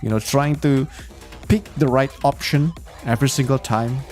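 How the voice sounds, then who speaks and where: A man's voice: mid-range voice, moderate pace, a little mellow, faint music behind. Laid-back male game streamer. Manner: laid-back, chuckling asides. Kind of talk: casual reaction commentary.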